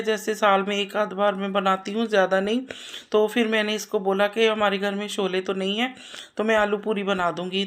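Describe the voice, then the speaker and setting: A woman's voice: mid-range voice, a bit bright. A woman in her thirties, a mother narrating her household chores in a homely, chatty voice-over, repeating herself often. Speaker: vlogger and mother.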